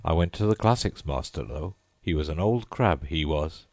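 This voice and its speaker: A gruff, blunt griffin from a storybook who snaps at others, as a man puts him on. The voice pushes louder than the narration. It is recorded dry and close. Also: very deep voice, expressive, normal speed, no echo. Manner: gruff and scolding.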